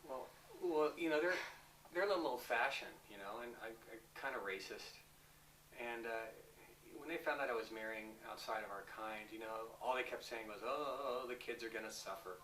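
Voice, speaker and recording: A man playing an easygoing zombie husband in a mockumentary interview, halting and rambling with lots of fillers. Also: medium pitch, a bit bright, lightly acted. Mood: chatty. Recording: echoey room, mic from a distance, faint noise.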